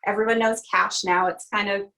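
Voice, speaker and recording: A young woman from Canada talks as a guest in a relaxed video-call interview. She is chatty and upbeat, laughing easily between thoughts. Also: mid-range voice, brisk, gravelly, low-quality recording. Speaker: country singer, interview guest.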